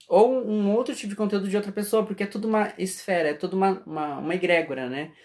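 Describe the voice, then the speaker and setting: A man's voice: high-pitched, fairly even intonation, quick pace, darkish tone. A man with a Brazilian Portuguese accent giving a casual spiritual class, talking conversationally and often checking that his listeners follow. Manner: conversational, often asks "entende?". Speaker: spiritual teacher.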